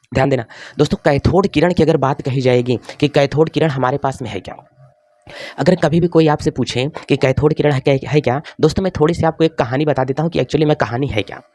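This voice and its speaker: Male lecturer with a north Indian Hindi accent, slightly high voice, chatty and coaxing, dry room. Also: fast talker, darkish tone, no room sound. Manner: chatty, repeats questions to students, coaxing. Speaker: chemistry teacher. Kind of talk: classroom lecture at a board.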